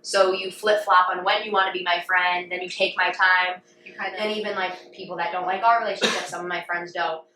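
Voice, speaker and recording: A woman co-hosting a podcast, chatty and animated, telling stories with quoted voices. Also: on the low side, a little fast, hardly any pauses, far from the mic, noisy background. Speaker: podcast co-host. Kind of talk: casual chat. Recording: echoey room, off-mic with faint ambience.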